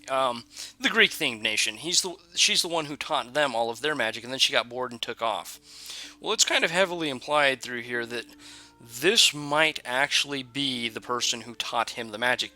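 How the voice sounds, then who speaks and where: Bright-voiced man rambling over gameplay. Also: mid-range voice. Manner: rambling, self-correcting, thinks aloud. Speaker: let's play host. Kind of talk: casual gameplay commentary.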